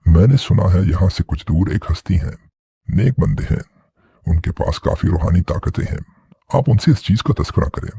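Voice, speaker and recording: A man's voice: sits low, lively intonation, moderate pace, gravelly, dark tone, breathy edge, dry recording, heavily acted. An actor playing a concerned male friend.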